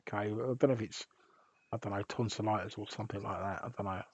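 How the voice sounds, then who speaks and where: This music podcast host sounds husky and hoarse because of a sore throat, wandering off track and restarting lines in a relaxed way. His pitch is fairly low, his tone steady and his pace quick, all captured in a close, dry, somewhat dull recording.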